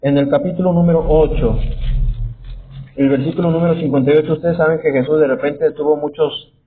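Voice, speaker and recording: Male preacher, slightly high-pitched, reads verses and asks the room questions, self-corrects often; tinny, phone-band audio. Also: fairly even intonation, fairly quick, echoey room, slight background noise. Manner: reads scripture aloud and explains it, asks the audience questions; frequent fillers and self-corrections. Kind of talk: Bible teaching to a congregation.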